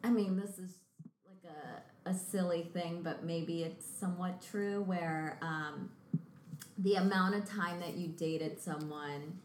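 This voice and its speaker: A woman's voice: lowish voice, steady tone, slow pace, slight background noise. A woman talking in a supportive, reflective way during a casual chat. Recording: echoey room with faint ambience.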